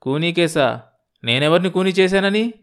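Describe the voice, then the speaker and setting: A man's voice: on the high side, moderate pace, clean tone, lightly acted. A man voicing a worn-out, drink-ruined poor father who asks weak, bewildered questions. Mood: indignant.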